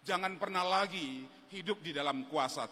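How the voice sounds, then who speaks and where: An earnest pastor speaks in a firm, exhorting manner, as a preacher plays him. His voice is high and bright and carries a long church reverb. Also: normal speed. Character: earnest middle-aged male pastor, firm. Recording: echoey church hall.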